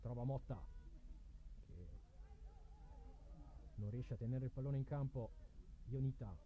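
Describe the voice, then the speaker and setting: A man's voice: mid-range voice, steady tone, measured pace, narrow, tinny audio. A man calling a live football match play by play, calling players' names in short bursts. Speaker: football commentator.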